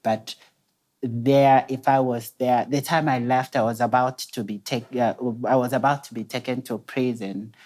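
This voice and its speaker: A young man, a guest telling his personal story softly and hesitantly at a dinner table, with many pauses. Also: mid-range voice, steady tone. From Zambia. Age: 20s. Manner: soft-spoken, hesitant, many pauses and restarts. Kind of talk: personal story in a talk show. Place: indoor dining room set at a table.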